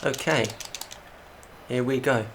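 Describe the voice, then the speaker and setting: A man's voice: mid-range voice, slow pace, crowd noise. A British man giving casual gameplay commentary as a gaming YouTuber, muttering running reactions to the play.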